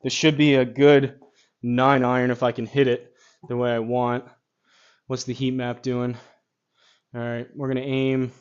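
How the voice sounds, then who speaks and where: A man giving casual golf simulator commentary, rambling as he thinks out loud. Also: medium pitch, flat delivery, unhurried, pauses often, clear, resonant tone, lo-fi sound.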